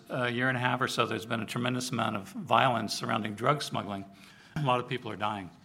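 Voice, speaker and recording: A gravelly, mid-range male voice belongs to a preacher who oversees his church's outreach. He delivers a sermon to his congregation in a relaxed, conversational style, telling personal stories with animation and acting out the dialogue.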